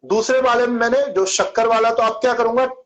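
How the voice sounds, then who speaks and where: A man with a notably high-pitched voice speaks on a video call. He explains patiently, repeating syllables to show how each sound is made. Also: fairly even intonation, fairly quick, fairly bright tone, poor audio. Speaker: Sanskrit and yoga teacher. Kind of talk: explanatory online Q&A answer.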